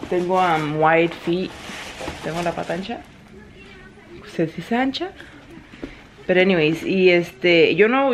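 A woman's voice: fairly low pitch, a little hiss or hum. A young woman from Mexico, chatting casually in a home vlog, mixing Spanish and English and laughing often. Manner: switches between Spanish and English mid-sentence. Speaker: vlogger.

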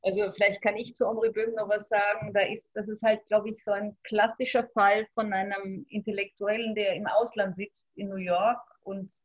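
A middle-aged woman with a husky voice takes part in a video-call discussion from a room at home. She speaks in a sceptical, matter-of-fact way and keeps restarting her sentences. The audio is dull and muffled. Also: mid-range voice, little pitch movement, normal speed, hardly any pauses. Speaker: panel participant. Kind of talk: analytical panel conversation.

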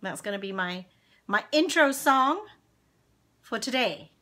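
Animated and sharp-toned, with a fairly high pitch, a Zimbabwean woman in her forties leads a live children's singalong from home. She chats casually and sings at a slow, cheerful pace, warmly greeting viewers by name. The webcam sits at desk distance in a room with plants and curtains.

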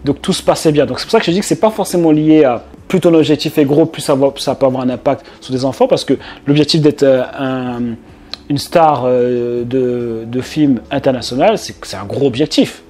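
A French business coach talks to his viewers in a casual, chatty video commentary, speaking directly to the camera with plenty of fillers and restarts. His voice is mid-range and warm, at a moderate pace.

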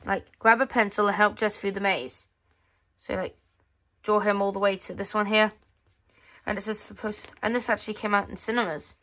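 At a tabletop indoors, a woman presents a magazine flip-through, casually discussing each page and reading bits aloud while stumbling and rephrasing. Her medium-pitched voice is flat, bright and forceful, at normal speed.

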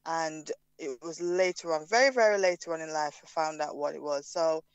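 Interview guest: Jamaican woman in her thirties, smooth resonant voice, dry sound. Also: low voice, normal speed, dry recording, highs cut off. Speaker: podcast guest. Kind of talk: casual interview.

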